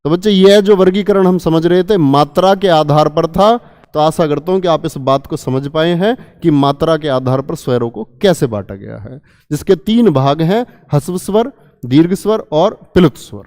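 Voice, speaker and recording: A man's voice: on the high side, normal speed, a little mellow, big-room sound. A man teaching a Hindi grammar lesson, quizzing his students with repeated questions and stretching out sounds to demonstrate them. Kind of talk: online exam-prep lesson.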